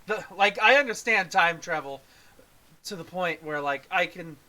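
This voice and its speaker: A man with a fairly high, very bright voice co-hosts a casual film review chat. Animated and speaking at normal speed, he rambles and often leaves thoughts hanging halfway through.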